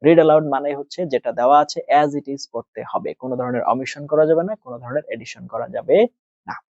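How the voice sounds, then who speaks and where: A man's voice: mid-range voice, darkish tone, dry recording. Man teaching in a dull, dry recording. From Bangladesh. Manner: explains by asking and answering his own questions; slows down and spells out words when speaking English. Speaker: test prep teacher. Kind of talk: tutorial lesson, mixing Bengali and English.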